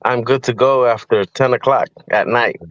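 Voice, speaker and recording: A man from El Salvador whose first language is Spanish chats in an easygoing, halting way. The recording is dull and lo-fi and quite dry. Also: mid-range voice, steady tone, fairly bright tone, no room sound. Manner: easygoing, hesitant. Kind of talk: casual chat. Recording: dull lo-fi audio.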